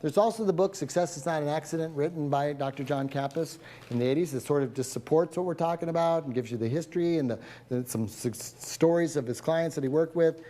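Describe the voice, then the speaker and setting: A man's voice: medium pitch, warm tone. A man teaching a class, speaking casually and checking in with his listeners. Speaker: hypnotherapy instructor. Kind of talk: classroom lecture.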